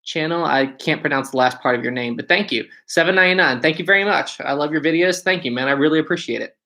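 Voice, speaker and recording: This livestream host from West Virginia has a slightly high voice that comes across pushed and bright at a quick pace. He talks informally with his audience and responds to their comments.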